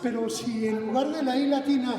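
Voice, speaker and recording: A man's voice: extremely high pitch, steady tone, a little fast, a crowd in the background. A man preaching a teaching sermon, quizzing the congregation with questions. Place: church sanctuary. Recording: echoey hall, distant mic, congregation noise.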